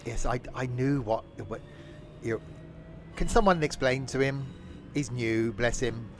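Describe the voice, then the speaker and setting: A man in the middle of his range, talking loosely and sarcastically as he streams a train game. Faint engine and track sounds sit quietly behind his voice. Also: mid-range voice, a little slow, a little hiss or hum. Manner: chatty, self-mocking sarcastic asides. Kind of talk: live game stream commentary.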